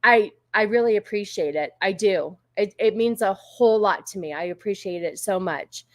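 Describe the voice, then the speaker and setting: Chatting loosely with live viewers, this livestream host rambles and gets easily distracted. She has a mid-range voice and a moderate pace, captured as a dry recording with clean studio sound.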